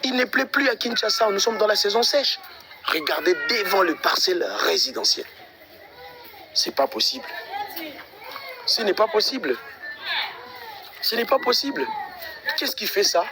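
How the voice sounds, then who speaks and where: A man's voice: high voice, lively intonation, normal speed, pauses often, crowd noise, background noise. A man out of breath, walking residential streets outdoors and talking to his livestream viewers in an exasperated, repetitive way. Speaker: livestream vlogger.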